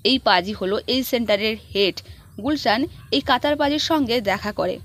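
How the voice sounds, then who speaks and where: Animated woman narrating a movie recap. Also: on the high side, moderate pace.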